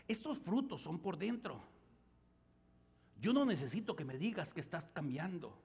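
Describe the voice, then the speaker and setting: A man pastor preaching a sermon, telling stories and acting out the voices, building to loud outbursts. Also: fairly high pitch, creaky. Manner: storytelling preacher, acts out voices, rises to shouts. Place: church sanctuary. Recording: church hall reverb.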